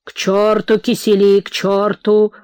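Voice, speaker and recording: A woman reading the part of a drunken, reckless rich merchant hosting a feast, loud and boastful. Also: medium pitch, expressive, slow pace, dry recording, studio quality. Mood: rowdy. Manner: rowdy, boastful, shouting.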